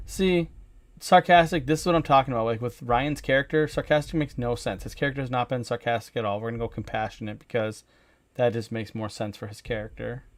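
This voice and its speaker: A young man casually commentating his gameplay as a streamer, excitable, swearing freely and thinking out loud. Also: mid-range voice, brisk, dry recording.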